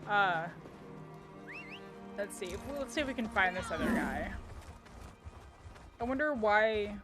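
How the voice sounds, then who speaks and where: A woman's voice: medium pitch, animated, measured pace. A woman giving casual live gameplay commentary, musing aloud as she plays. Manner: musing aloud, reads dialogue choices aloud. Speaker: game streamer. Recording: faint game music behind.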